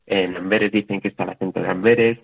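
A man from Spain, appearing as an interview guest, talks in a relaxed, chatty way, often restarting sentences and acting out little quoted exchanges. He speaks fast, with a low, gravelly voice and a breathy edge. The sound is thin and tinny, like a phone call.

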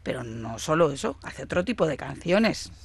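A woman's voice: sits low, sing-song, moderate pace, breathy edge. A woman hosting a radio interview, chatty and upbeat, encouraging her guest. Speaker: radio host.

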